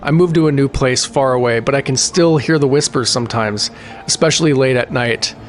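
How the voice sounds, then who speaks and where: A man's voice: mid-range voice, brisk. Male horror story narrator over music. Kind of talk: scripted first-person horror story narration. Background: music behind the voice.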